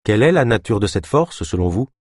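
A man's voice: on the low side, very animated, a little fast, husky, no room sound, clean studio sound. A man reading the part of an earnest male leader who questions strangers in an audiobook. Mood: questioning. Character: earnest man leading a group of city dwellers.

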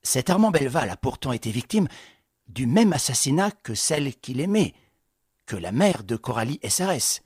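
A man playing a calm, cool-headed gentleman who questions slowly in a low, measured voice, in an audiobook. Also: husky, dry recording, studio quality.

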